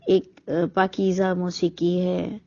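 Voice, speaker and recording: On the low side and gravelly yet warm, this woman's voice has a completely flat delivery. Middle-aged, she gives an earnest, argumentative reflective monologue on religious questions, full of rhetorical questions, recorded in dull lo-fi sound.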